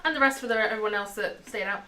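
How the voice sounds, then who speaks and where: A woman player at a tabletop game, adding quick interjections and laughing. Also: mid-range voice. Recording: loud background noise.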